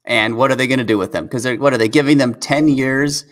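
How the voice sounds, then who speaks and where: A man co-hosting a car news recap, talking in a relaxed way with quick asides. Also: mid-range voice. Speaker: co-host of a car news show. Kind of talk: casual news recap chat.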